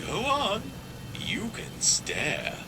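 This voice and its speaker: A man voicing a smooth-talking, flirty male robot butler in a video game, with a too smooth android manner. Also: sits high, wildly swooping pitch, drawn-out words, music in the background, full character voice.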